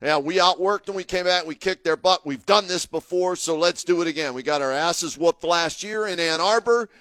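He's a sports radio co-host with a high-pitched, slightly bright, clean voice, speaking at a moderate pace with no room sound. Casual and talkative at first, he becomes emphatic and fired up as he pushes his argument.

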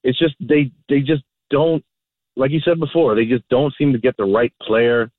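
A man calling a sports radio show over a phone line, talking casually in a halting, repetitive, exasperated way. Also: medium pitch, fairly even intonation, no echo. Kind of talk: casual sports fan talk. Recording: narrow, tinny phone line.

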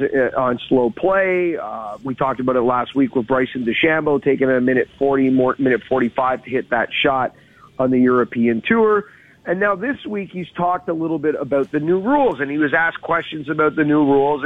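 A man's voice: a little high, breathy edge, no room sound. A man co-hosting a golf talk show, casually commentating and recounting shots in emphatic detail like a golf commentator, over a tinny phone-like line.

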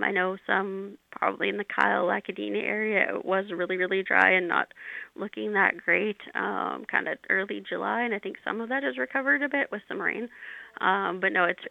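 A woman giving hesitant, measured interview answers as a crop specialist. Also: medium pitch, creaky, no echo. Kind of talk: unscripted radio interview answers. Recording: narrow, dry phone-like line.

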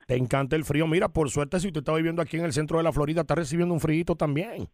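A man's voice: a little high, darkish tone, dry recording. A man co-hosting a radio call-in show, joking and bantering with his partner and callers in a studio. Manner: playful, teasing, quick back-and-forth. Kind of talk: lively on-air banter. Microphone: studio microphone.

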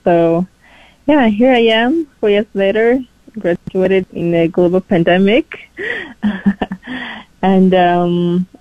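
A young woman from Rwanda talks about her path as a new author. She tells it in a relaxed, chatty way, with some fillers. The recording is dry and a little dull. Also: mid-range voice, slow pace, long pauses, dry recording. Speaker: interviewee, author. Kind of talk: casual interview.

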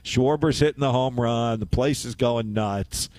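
A male sports radio host spins a casual story in a loose, rambling way, often laughing at himself. He speaks at a middle pitch into a studio microphone, with a close, dry sound. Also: measured pace, darkish tone, no room sound.

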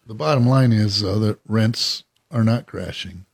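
A man with a low, gravelly, husky voice sums up points on a casual podcast. He speaks in a measured way.

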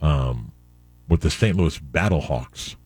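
A man's voice: very deep voice, expressive, slow, breathy edge, no room sound. A man co-hosting a sports talk show, chatting casually and dropping trivia. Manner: offhand, chatty, drops trivia. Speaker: sports radio co-host.

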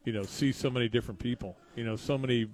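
A man co-hosting casual live radio, rambling and often repeating himself haltingly. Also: medium pitch. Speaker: radio co-host.

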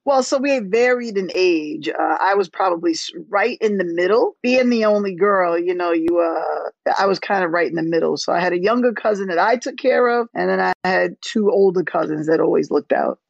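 New woman, gravelly voice, friendly and direct, dry, dull lo-fi remote line. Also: lowish voice, no echo. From South Jamaica, Queens, New York. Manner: straightforward, friendly, slightly halting. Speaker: state trooper, interview guest. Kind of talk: casual interview answers.

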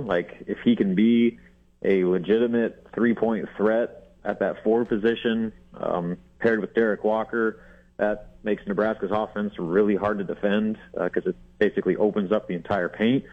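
Man on a tinny phone line. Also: fairly low pitch. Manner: relaxed, frequent fillers and restarts. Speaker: guest sports reporter. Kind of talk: casual radio chat. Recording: phone-line call-in audio.

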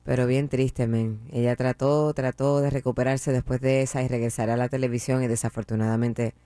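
Co-host, relaxed chatty, mid pitch, dry studio mic. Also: male voice, brisk, clean tone, no echo. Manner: relaxed, conversational, drops English asides. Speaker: radio co-host. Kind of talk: casual radio talk.

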